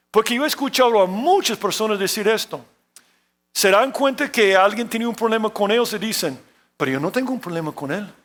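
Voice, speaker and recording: A man with a notably high voice delivers a sermon from the pulpit. He repeats words as he searches for them and often fills pauses with "eh". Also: fairly bright tone. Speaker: pastor.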